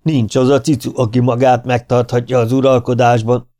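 Booming, hollow-voiced warlord read by a man, stern and commanding. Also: mellow, lightly acted. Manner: commanding, blustering threats.

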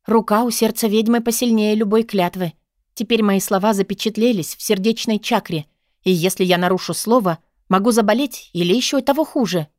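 A woman voicing a young witch girl who speaks in excited, pleading exclamations in an audiobook. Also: medium pitch, brisk, no echo, clean studio sound, pitched above the performer's own voice, lightly acted. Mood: eager pleading. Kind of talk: audiobook character voice.

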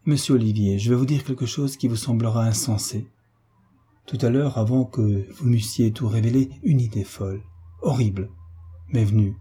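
A man with a husky voice voicing an anguished, proud young woman in an audiobook, speaking in a trembling, pleading way. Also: mid-range voice, dark tone. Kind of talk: audiobook character reading.

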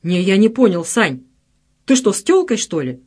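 A woman's voice: mid-range voice, big pitch swings, moderate pace, darkish tone, slightly rough. A woman voicing a hot-tempered young male gangster who scolds his friend in coarse slang. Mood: indignant.

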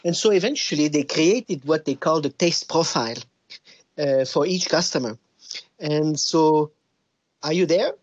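French-canadian guy on a muffled phone line, husky, lots of uhs and restarts. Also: a little high, measured pace. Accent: Québécois French. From Quebec, Canada. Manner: hesitant, many "uh" and restarts. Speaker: wine business guest. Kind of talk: radio interview over the phone.

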